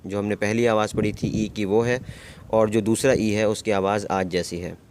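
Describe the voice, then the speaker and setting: A man giving a recorded pronunciation lesson, speaking slowly and carefully and repeating each example word twice. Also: fairly low pitch, little pitch movement, a little mellow, slight background noise. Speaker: English teacher.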